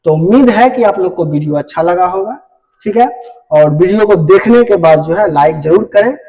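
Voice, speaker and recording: High-voiced man teaching grammar. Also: expressive, normal speed, warm tone, low-quality recording. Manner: explains step by step, often checks with "ठीक है" and asks then answers his own questions. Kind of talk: classroom lesson.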